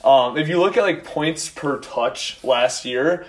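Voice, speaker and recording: Brief: man with a slightly raised pitch, halting co-host making his points. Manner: hesitant, many "um"s. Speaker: fantasy football podcast co-host. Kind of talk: casual chat.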